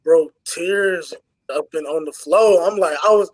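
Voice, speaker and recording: Man, high voice, dry sound, animated casual storytelling on a group call. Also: unhurried, dry recording, low-quality recording. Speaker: congregation member.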